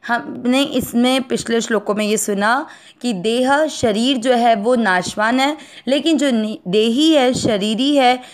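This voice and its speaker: An Indian woman teaching Sanskrit pronunciation, breaking words into syllables and then chanting each verse slowly. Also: on the high side. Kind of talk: slow syllable-by-syllable recitation lesson.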